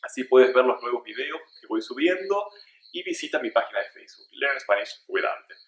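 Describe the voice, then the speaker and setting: A man teaching a beginner Spanish lesson, drilling questions and answers slowly and carefully. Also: medium pitch, big pitch swings, echoey room, poor audio. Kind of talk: slow-paced language lesson.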